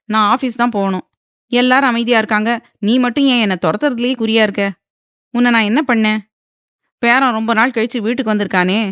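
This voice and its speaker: A woman voicing a teasing young man in an audio novel, speaking in playful, lively banter. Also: a little high, clear, resonant tone, dry recording, studio quality, pitched above the performer's own voice, natural voice.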